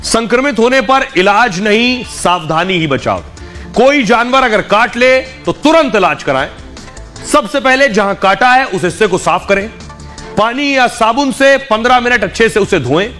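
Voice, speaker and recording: A man presenting a news segment, explaining clearly and speaking straight to the viewers. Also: high voice, expressive, moderate pace, bright, forceful tone, soft background music. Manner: clear explanatory delivery, addresses viewers directly. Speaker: news anchor.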